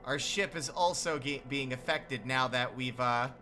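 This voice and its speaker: A man commentating his own gameplay, thinking aloud and bursting into excited exclamations. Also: medium pitch, unhurried. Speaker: streamer playing a video game. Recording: game music behind.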